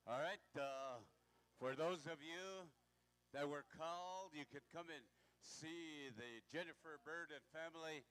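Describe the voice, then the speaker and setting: Male powwow emcee, fairly high voice, rousing calls to dancers, outdoor mic. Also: measured pace, a bit bright, clear, resonant tone. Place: outdoor powwow arbor, over microphone.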